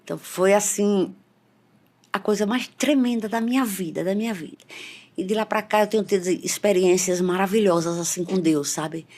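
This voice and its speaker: A middle-aged woman giving an emotional church testimony, repeating phrases and rising in pitch as she relives the scenes. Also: moderate pace, darkish tone. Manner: repetitive, fervent, voice rising when reliving scenes.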